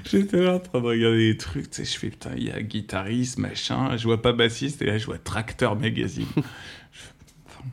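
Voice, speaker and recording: A young man co-hosting a podcast in relaxed chat, rambling and correcting himself as he goes. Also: mid-range voice, moderate pace, creaky. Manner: rambling, self-correcting, laughs often. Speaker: podcast co-host, bassist. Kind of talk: casual chat.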